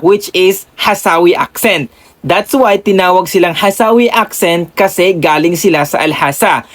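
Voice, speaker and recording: A man from the Philippines giving casual vlog commentary, chatty, addressing his viewers as guys and dropping in English phrases. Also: high voice. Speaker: vlogger.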